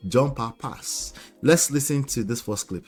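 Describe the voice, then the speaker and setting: A man's voice: mid-range voice, slow, husky, soft background music. A man hosting a live stream, reacting to clips with rhetorical questions and frequent laughter. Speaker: host.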